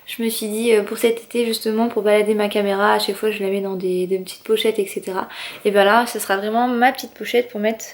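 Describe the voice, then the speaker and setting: A woman's voice: medium pitch, fairly even intonation, quick pace. A young woman chatting casually to camera at home, enthusiastic, with many fillers. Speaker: family vlogger. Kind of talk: casual vlog chat to camera. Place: apartment at home, indoors.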